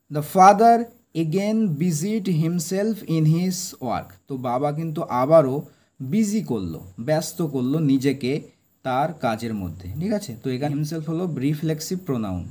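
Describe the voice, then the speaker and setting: A man whose first language is Bengali teaches English, reading a story very slowly and explaining each phrase. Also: fairly high pitch, mellow. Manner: reads English words very slowly, keeps asking "right?".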